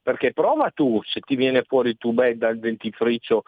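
Phone-in caller, a mid-pitched man, blunt and emphatic, dry tinny phone line. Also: lively intonation, moderate pace, dry recording. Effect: heard over a phone line. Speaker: radio caller. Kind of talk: call-in opinion rant.

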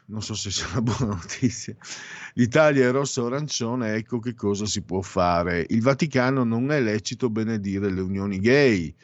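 A man hosting informal radio, reading out headlines haltingly with offhand asides. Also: fairly low pitch, no room sound, muffled recording. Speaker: radio host.

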